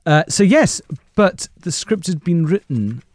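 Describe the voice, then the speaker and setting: A man's voice: on the high side, sing-song, measured pace, no echo, clean studio sound. A man co-hosting a comedy podcast, chatting in a self-deprecating, defensive way and often laughing. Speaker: radio comedy podcast co-host. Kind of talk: casual comedic chat.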